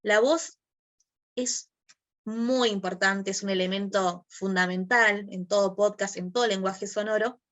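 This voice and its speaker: Woman, workshop instructor, bright clear tone, explanatory, rhetorical questions. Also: mid-range voice, steady tone, a little slow. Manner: explanatory, asks rhetorical questions, acts out short examples. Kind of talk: online workshop lesson.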